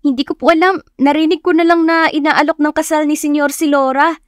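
Woman doing a nervous, high-pitched housemaid. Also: fairly even intonation, a little fast, dry recording, studio quality, natural voice. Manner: anxious, eager, polite. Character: female housemaid, nervous and deferential.

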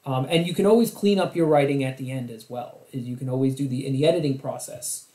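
A man's voice: mid-range voice, fast talker, warm tone. A man hosting a live poetry stream, chatting casually and rambling with frequent restarts and self-corrections.

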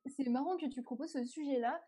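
A woman co-hosts a live stream with easy, slangy enthusiasm. Her voice sits high but has a soft, mellow tone. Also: fairly quick. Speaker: co-host. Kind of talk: casual live stream chat.

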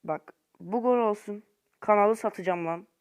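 In a very noisy recording, a young gaming YouTuber chats through his gameplay at a moderate pace, using slangy, informal language. He goes back and forth between low mutters and frustrated yells.

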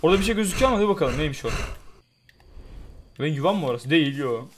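A man in a gaming commentary, slightly high-pitched, who talks to the game and swears at it. He swings from low, quiet muttering to loud, frustrated yelps. A faint hiss sits under his voice. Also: expressive, racing. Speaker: gaming YouTuber. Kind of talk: live let's-play commentary.

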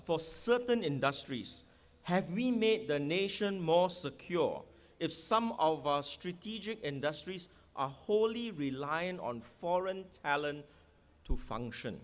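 At an outdoor stadium rally stage, a middle-aged political candidate with a Singaporean accent gives an emphatic election speech into a podium microphone, firing rhetorical questions at the crowd. His voice sits high and sounds a bit bright.

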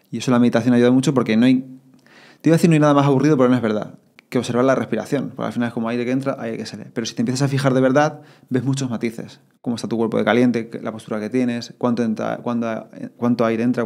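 A man's voice: mid-range voice, vocal fry. A man with a Spain Spanish accent, talking casually as a podcast guest and acting out his own thoughts. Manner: fast, animated, acts out inner thoughts in quotes.

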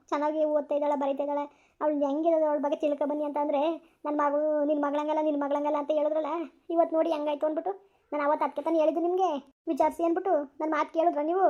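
A woman's voice: sits high, warm tone, lo-fi sound, lightly acted. A woman playing a nagging worried village mother. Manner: pleading, scolding. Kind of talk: village family drama acting.

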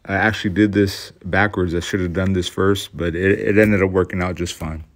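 A man's voice: deep voice, steady tone, moderate pace. A middle-aged man giving a plain, matter-of-fact voice-over about building his own boat, a little self-deprecating about his mistakes. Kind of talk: casual voice-over narration.

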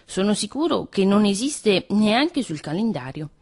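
A woman's voice: mid-range voice, big pitch swings, a little slow, a little mellow. A woman voicing a trusting, homebound male mouse in a read-aloud fairy tale, earnest and puzzled.

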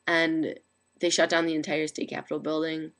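A young woman with a low voice talks into a webcam at home, chatty and rambling, leaning on "like" and "um". She has the hiccups and keeps trying to hold them down. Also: little pitch movement, normal speed. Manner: chatty, rambling, frequent "like" and "um" fillers. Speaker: vlogger. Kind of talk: casual late-night webcam chat. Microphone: webcam microphone.

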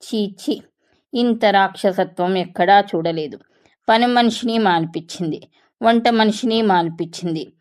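A woman's voice: medium pitch, a little slow, close to an everyday voice. A woman narrator voicing an indignant old male milkman who speaks bitterly in a storybook reading.

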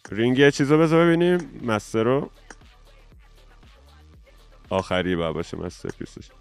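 A man's voice: medium pitch, smooth, soft background music. Joking male mobile gaming streamer. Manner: lively, joking, addresses viewers directly. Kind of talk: casual gaming commentary with a friend.

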